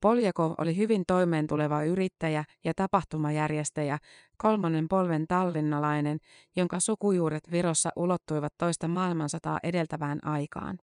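News feature narrator, scripted reading, steady and measured, mid pitch, dry close sound. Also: clean tone, dry recording. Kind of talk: scripted narration of a long-form news article.

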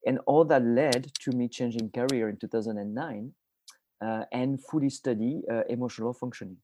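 Background noise sits under this mid-range male voice. The speaker, a Frenchman in his forties with a noticeable French accent, is a podcast guest answering questions in a chatty way, stopping mid-sentence to search for words as he explains.

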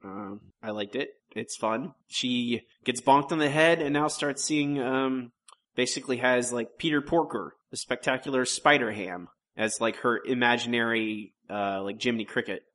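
A man's voice: medium pitch, normal speed, a bit bright. A man co-hosting a podcast in a casual chat, hesitant, full of fillers and trailing off mid-thought. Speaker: podcast co-host.

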